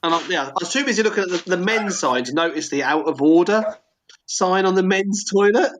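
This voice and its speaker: A man's voice: sits high, expressive, brisk, background noise. A man co-hosting a podcast, telling rambling stories in casual banter and laughing as he goes. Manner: storytelling, laughing mid-sentence, swearing. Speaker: podcast co-host.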